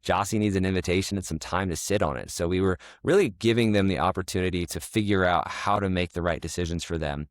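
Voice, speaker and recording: A middle-aged man co-hosting a podcast, telling family travel stories in a relaxed, rambling way. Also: deep voice, fast, few pauses, no room sound, studio quality. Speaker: podcast co-host. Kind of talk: casual storytelling chat.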